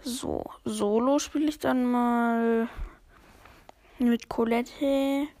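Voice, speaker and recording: A woman with a fairly high voice commentates on the game being played. The delivery is casual and chatty, full of gamer slang, as if thinking aloud while playing. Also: extremely slow, dark tone. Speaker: gamer commentating own play. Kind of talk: casual let's play commentary.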